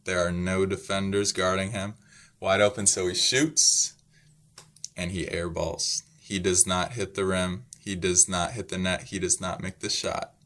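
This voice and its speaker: A young man from the United States slowly explaining English words to learners, patient, repeating words, with many ums. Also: low-pitched, little pitch movement, a bit bright. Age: young adult. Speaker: English teacher. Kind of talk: slow, simple ESL explanation.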